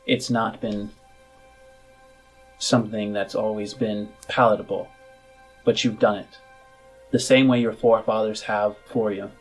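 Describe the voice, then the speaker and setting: Over background music, a game master who also hosts the podcast addresses listeners in a fairly low, gravelly, husky voice on a rough recording. He first makes a podcast announcement, then moves into slow, scripted narration of a scene.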